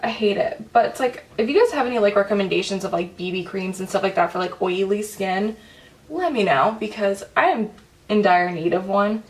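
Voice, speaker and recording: A woman's voice: medium pitch, a little fast, far from the mic. A young woman chatting casually through a makeup tutorial at home, full of "like" and "um" fillers. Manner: chatty, filler-heavy, says "like" often. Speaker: beauty vlogger.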